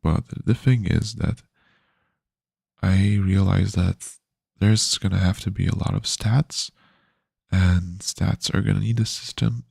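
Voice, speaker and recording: Low, gravelly, sleepy game-dev streamer man. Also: mellow, no echo, studio quality. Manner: sleepy, halting, many fillers and restarts. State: yawny. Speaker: game developer streaming his work. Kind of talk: casual live-stream devlog.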